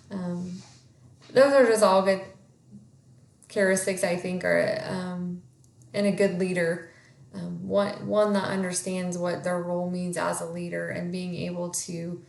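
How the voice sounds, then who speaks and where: A congested woman introduces herself in a loose, hesitant way, pausing often on fillers. Her pitch sits in an ordinary middle range for a woman. The recording has a noticeable room echo. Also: creaky. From Kansas, USA. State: congested with a cold. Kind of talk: casual self-introduction.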